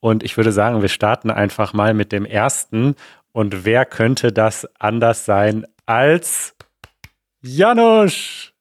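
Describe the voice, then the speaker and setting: A man co-hosts a live podcast in a relaxed, easygoing manner. He talks slowly at a mid pitch, and the sound is dry, with little room echo. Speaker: podcast co-host. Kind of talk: casual live podcast chat.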